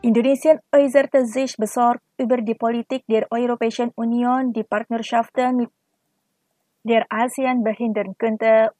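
A woman's voice: a little high, dry recording. Woman reading news in a dry booth. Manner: even, formal read delivery. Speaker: news reader. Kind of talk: scripted news voice-over.

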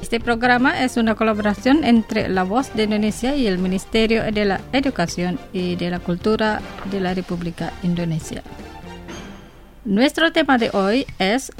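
A woman presenting a scripted radio language lesson, speaking slowly and carefully and saying each word twice. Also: medium pitch, faint music behind.

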